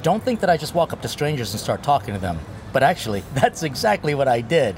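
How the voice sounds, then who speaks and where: A man from the United States, a priest hosting a casual food and travel interview at an outdoor restaurant, talking in a lively, jokey way. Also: medium pitch, fast talker, noisy background. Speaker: host and priest.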